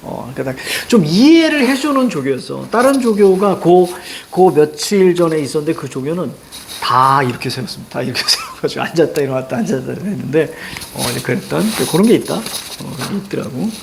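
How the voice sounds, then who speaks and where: A middle-aged male teacher giving a lecture on classical poetry, chatty and quick to tell stories. His voice sits a bit higher than most men's. A faint hiss of background noise runs under the recording. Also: animated, creaky. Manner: chatty, tells stories and acts out quotes with a raised voice.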